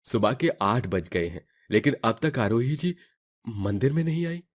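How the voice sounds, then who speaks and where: A man's voice: mid-range voice, big pitch swings, measured pace. A man voicing a courteous, lovestruck young man in a cartoon, speaking earnestly. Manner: courteous, earnest, stammers when nervous. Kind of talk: Hindi cartoon voice acting.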